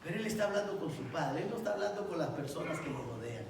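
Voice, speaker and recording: Impassioned pastor preaching in an echoey church. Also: male voice, fairly high pitch, expressive, fast, background noise. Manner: impassioned preaching, swinging between loud cries and hushed lines. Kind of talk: sermon. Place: church sanctuary. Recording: echoey church sound from a distance.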